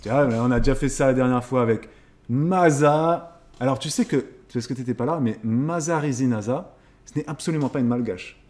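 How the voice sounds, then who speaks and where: A man's voice: medium pitch, moderate pace, darkish tone. A man from Réunion, co-hosting a casual livestream chat, joking and reading viewers' messages aloud. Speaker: co-host.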